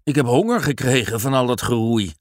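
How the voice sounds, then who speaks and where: A man's voice: mid-range voice, animated, brisk, dry recording, studio quality, close to an everyday voice. Man as a tired, out-of-breath dad. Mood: weary. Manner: weary and breathless, mildly grumbling. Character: tired, patient father rowing a boat.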